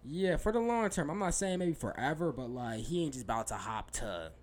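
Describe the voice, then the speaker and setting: A man's voice: a little high, lively intonation, a little fast. A young man in casual sports talk, ranting heatedly with profanity and laughing at himself. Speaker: podcast co-host.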